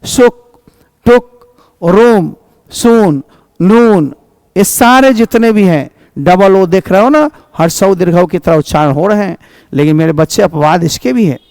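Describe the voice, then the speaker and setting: A man's voice: high voice, animated, measured pace, vocal fry, a little mellow, no echo. A man teaching English pronunciation in a classroom lesson, speaking Indian English and switching between Hindi and English as he spells out example words.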